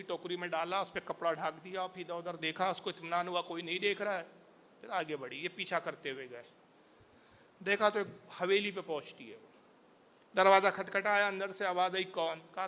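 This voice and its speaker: Male preacher from India, dramatic sermon storyteller, bright forceful delivery. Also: sits high. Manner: impassioned, dramatic narration.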